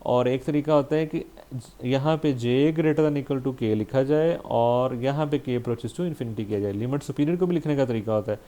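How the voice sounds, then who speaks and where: A man's voice: mid-range voice, normal speed, dark tone. A man with a Pakistani Urdu accent giving a recorded math lecture, explaining step by step, checking in often with his listeners and mixing English math terms into his speech. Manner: explains step by step, frequent "theek hai ji" checks.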